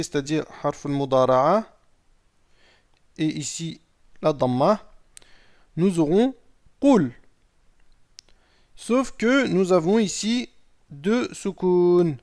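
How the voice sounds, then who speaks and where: A man with a fairly high voice teaches Arabic grammar at an unhurried pace. He reads example sentences aloud and translates them. He walks through each step patiently and keeps checking that his students follow. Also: darkish tone. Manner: patient, explains step by step, often asks "d'accord?". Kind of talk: recorded lesson explaining Arabic grammar.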